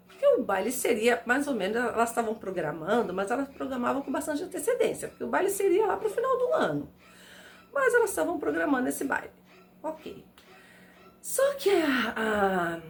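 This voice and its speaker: A woman retelling a ghost story in a casual, hesitant way, repeating words and using many fillers as she searches for the next phrase. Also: on the high side. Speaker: storyteller host.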